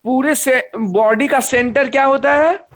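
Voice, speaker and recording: A man teaching an online science class, lively and often checking that the students follow. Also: very high voice, a little slow.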